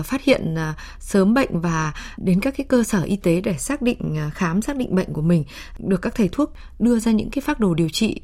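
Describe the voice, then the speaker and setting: A woman's voice: fairly low pitch, warm tone. A woman hosting a radio health programme, presenting formally and putting questions to a guest. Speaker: radio health show host.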